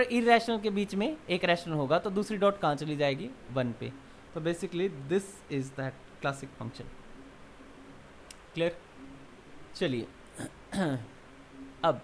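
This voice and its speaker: A male math lecturer giving a classroom lecture in mixed Hindi and English. He explains step by step, keeps asking students quick check questions and answers them himself. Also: very high-pitched, fairly bright tone.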